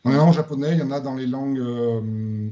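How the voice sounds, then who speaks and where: A man presents a lecture topic in a hesitant way, with frequent fillers and self-corrections. His voice is mellow and dark. The recording sounds dull and lo-fi. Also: medium pitch, fast. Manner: hesitant, many "euh" fillers and restarts. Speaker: student giving a presentation.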